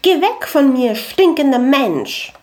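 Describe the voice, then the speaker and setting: A woman voicing a proud young sea goddess who shouts in disgust. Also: high voice, sing-song, takes it slowly, pitched above the performer's own voice, heavily acted. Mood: disgusted, furious.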